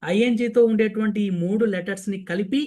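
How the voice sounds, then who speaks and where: A man's voice: sits high, dark tone. A man teaching spoken English, who repeats each sound several times and answers his own questions. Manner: drills sounds by repeating them slowly and with emphasis; asks questions and then answers them himself. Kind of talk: language lesson.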